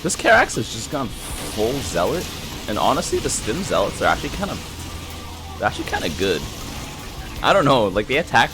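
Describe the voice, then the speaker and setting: A man with a stuffy nose giving casual, rambling gameplay commentary, chatting with his viewers and breaking into surprised excitement. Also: medium pitch, moderate pace. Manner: laid-back, rambling, chatty with viewers as "boys". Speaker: gaming YouTuber. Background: game music and sound effects.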